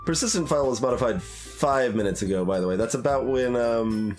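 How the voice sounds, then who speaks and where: Lively intonation marks this man's medium-pitched, darkish voice, which moves a little fast. He's a streamer giving casual commentary on a blind playthrough, hesitant and stammering with repeated phrases, while video game music plays behind him.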